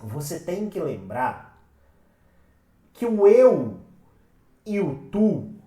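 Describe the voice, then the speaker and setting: A woman teacher lectures for an exam in a Brazilian Portuguese accent, her low-leaning voice mellow and sing-song with drawn-out words. Addressing everyone as "minha gente", she asks the class questions and answers them herself, recorded roomily through a distant mic.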